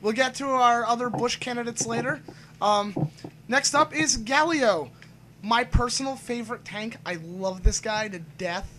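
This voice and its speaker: A podcast co-host jokes around and chats casually with friends about a video game. The voice is medium in pitch, a touch slow and fairly bright, with a bit of hiss or hum on the recording.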